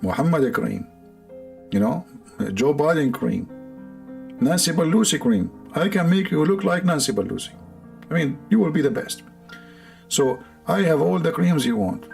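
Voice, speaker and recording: A man's voice: on the high side, lively intonation, normal speed, gravelly, long pauses, a little mellow, faint music behind. A man with an Arabic accent, a livestream host rambling in a sarcastic, joking way and laughing often. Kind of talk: casual joking monologue.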